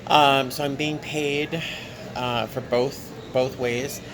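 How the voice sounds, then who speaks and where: In a slow, steady, mid-range voice, a tired flight attendant vlogger chats casually to camera in an airport terminal while a crowd murmurs behind him. He holds the camera at arm's length, and the airport background noise is clear.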